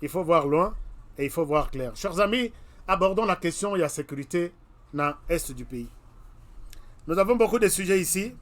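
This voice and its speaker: This is a Congolese host of his own web TV channel, speaking in an animated, high-pitched voice at a moderate pace. He lectures his viewers directly and emphatically, warning them over and over.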